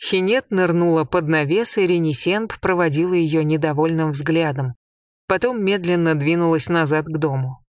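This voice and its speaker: An audiobook reader narrating a story in an even, measured way. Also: mid-range voice, no echo, studio quality, far from the mic.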